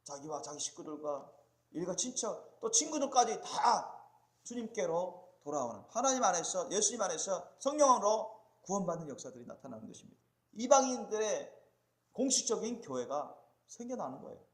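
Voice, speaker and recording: A high-voiced male pastor preaches with a lively, sweeping pitch, rising to loud emphatic peaks and dropping to quiet asides. He keeps turning to his congregation with questions and calls for a response. The sound rings around a reverberant church sanctuary. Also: moderate pace. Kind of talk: sermon.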